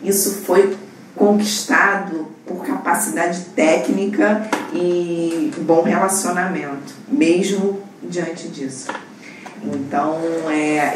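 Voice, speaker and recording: A young Brazilian woman talks in an animated, chatty way, a little low in pitch. She sits well back from the mic in a very echoey room with a faint hiss behind her. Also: distant mic. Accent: Brazilian Portuguese. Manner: animated, acts out quoted voices. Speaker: surgical resident. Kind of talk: casual podcast conversation.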